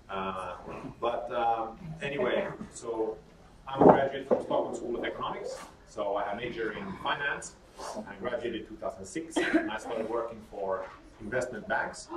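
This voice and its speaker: A Swedish man in his 30s gives a workshop talk that is informal and joking, candid and packed with fillers, in a fairly low voice. He is heard in a workshop room on a distant mic, with a roomy sound and audible noise.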